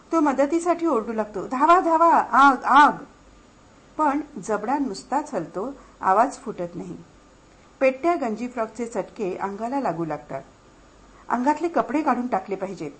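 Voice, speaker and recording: A woman narrating an audiobook story dramatically, her delivery expressive and shifting between hushed and urgent. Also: a little high, moderate pace, poor audio.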